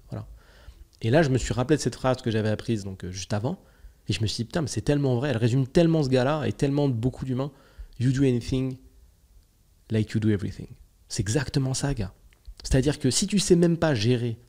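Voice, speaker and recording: A young man talks through a casual podcast monologue, full of slang and quick asides. He acts out his own thoughts as little voices in his head. His voice is mellow and warm, in a middle pitch. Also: vocal fry. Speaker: podcast host.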